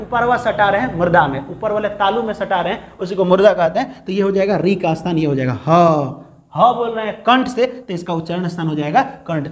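A male teacher, giving a step-by-step grammar lesson to students and answering his own questions as he goes. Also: high-pitched. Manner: explains step by step, asks questions and answers them.

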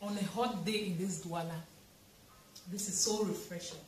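A woman in her thirties with a Cameroonian accent vlogs from home, chatting casually and expressively to camera while doing housework in a tiled indoor kitchen. Her mid-range voice holds a steady tone at normal speed. A camera or phone at arm's length or farther picks her up in the echoey tiled room, with clear noise.

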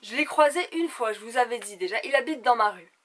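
A young woman with a high voice, gossiping to the camera like she would with her girlfriends. Her delivery is animated and theatrical, in a casual vlog chat style. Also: fast talker, a little hiss or hum. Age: young adult. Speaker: beauty vlogger. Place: small indoor room at home.

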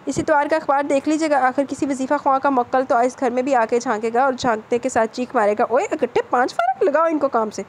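A woman voicing a playful, fast-talking young man who jokes with his family. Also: high voice, a little hiss or hum, lightly acted. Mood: joking.

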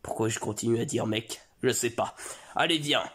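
A man voicing a gruff, remorseful Bowser father in a comedic fan parody. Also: a bit bright. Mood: tender. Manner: low, slow, dramatic.

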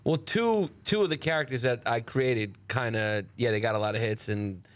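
A man's voice: mid-range voice, normal speed. A man in his thirties with a Brooklyn accent, chatting casually as a guest comedian on a studio mic. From Brooklyn, New York. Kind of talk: casual chat. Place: talk show studio, indoors. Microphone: close studio broadcast mic.

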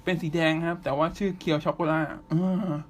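A man hosting a podcast, chatting casually through anime news and often pausing with drawn-out fillers. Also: on the high side, little pitch movement. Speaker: podcast host.

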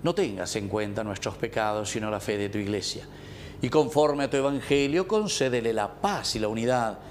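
A middle-aged man with a Paraguayan Spanish accent, a priest reciting the prayers of Mass in a small indoor chapel with solemn, measured, drawn-out phrasing. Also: on the low side, animated, slight background noise. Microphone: fixed camera at the altar.

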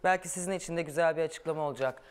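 A man moderating a live talk show, gently coaxing a guest to tell her story. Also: on the high side, rapid-fire.

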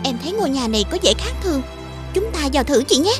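A woman voicing a gentle, polite young girl in a cartoon. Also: high voice, big pitch swings, fast. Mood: curious. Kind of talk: cartoon voice acting. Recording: faint music behind.

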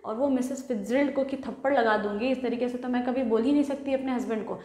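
A woman's voice: a little high, steady tone, fast talker, darkish tone. A woman teacher explaining a play to students, telling the story and mixing Hindi with English. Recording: echoey room with long reverb.

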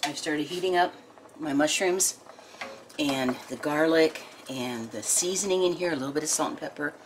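A woman in her sixties, hosting a home cooking video in casual chat, homey and chatty with many pauses and ums. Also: sits low. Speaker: home cooking channel host. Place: home kitchen, indoors. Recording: noisy home kitchen recording. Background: clinking dishes and pans.

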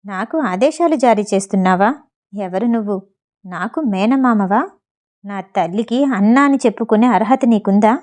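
A woman's voice: mid-range voice, moderate pace, darkish tone, voice pushed down, natural voice. A woman reading a storybook, voicing a furious arrogant young man who talks defiantly and scornfully.

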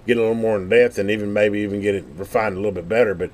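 Speaking rapid-fire in a steady, slightly mellow, lowish voice, this man walks through a product overview as a scanner hobbyist. He rambles in a folksy, off-the-cuff way, working things out aloud.

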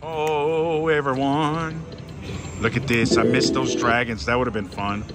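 A man giving casual, excited, theatrical commentary as he gambles, repeating phrases pleadingly and addressing his viewers. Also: mid-range voice, a little slow. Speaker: slot machine gambling vlogger. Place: busy casino floor at a slot machine. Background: slot machine music.

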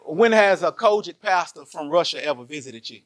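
Man, pastor, high voice, animated sermon, rhetorical questions. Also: normal speed. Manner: animated, asks the congregation many rhetorical questions. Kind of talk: lively sermon. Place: church.

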